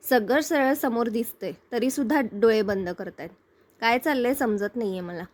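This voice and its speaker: A woman narrating a review of a TV serial episode. She moves steadily through the story and reads the characters' lines aloud as she goes. Her voice sits a little high. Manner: narrates briskly, voicing each character's lines in turn. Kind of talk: retelling a TV episode with read-out dialogue.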